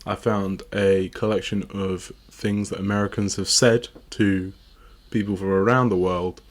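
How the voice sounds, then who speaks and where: A young man with a low, deep voice and a southern English accent delivers sarcastic reaction commentary. He talks in a mocking, exasperated way, scoffing as he goes. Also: level tone, unhurried. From England. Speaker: commentary vlogger.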